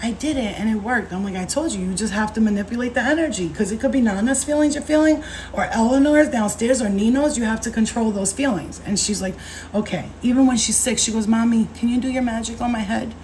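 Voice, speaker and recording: Slangy, animated woman in her thirties. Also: fairly high pitch, fast, a little hiss or hum, poor audio. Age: 30s. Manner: animated, slangy and swearing, addresses viewers as babe and baby. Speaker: spiritual coach and livestream host. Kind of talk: casual livestream talk.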